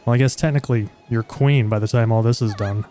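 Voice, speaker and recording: A man's voice: medium pitch, fast, warm tone, soft background music. A man streaming a video game, chatting casually with crude, joking asides. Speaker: gaming streamer.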